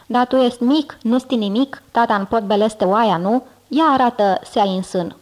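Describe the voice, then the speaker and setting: A woman's voice: a little high, a little mellow, lightly acted. A woman voicing a boastful young male fairy-tale hero who blusters in a lisping, folksy way, in an audiobook reading. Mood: angry.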